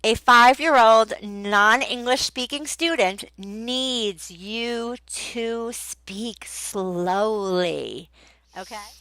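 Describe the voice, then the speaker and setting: A woman's voice: mid-range voice, fairly bright tone, dry recording, rough recording. A woman giving tips on teaching English online, emphatic and repeating key words for effect. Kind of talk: casual advice video.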